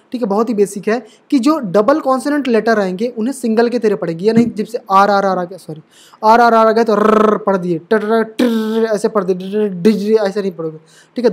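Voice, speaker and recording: A male English teacher with a fairly high voice walks through pronunciation rules. He explains slowly and patiently, repeats each point, and keeps asking whether the students follow. He calls his viewers brother and dear. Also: darkish tone. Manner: patient, repetitive explaining, checks understanding. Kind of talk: classroom lesson at a board.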